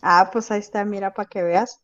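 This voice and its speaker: A woman's voice: medium pitch, fairly even intonation, a little fast, a bit bright, lo-fi sound. A woman teaching an online class, chatty and often checking that her students follow. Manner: conversational, asks students if they follow. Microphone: video call.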